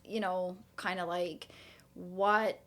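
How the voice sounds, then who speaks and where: A woman's voice: lowish voice, fairly even intonation, takes it slowly, a bit bright. A woman in her forties hosting a podcast in a casual, conversational way. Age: 40s. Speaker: podcast host.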